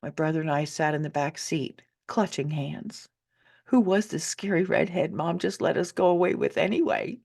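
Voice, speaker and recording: A woman in her fifties narrates her own memoir as a dramatic first-person audiobook, her delivery theatrical, emotive and emphatic. Her voice sits low and is gravelly yet a little mellow, moving at a normal speed.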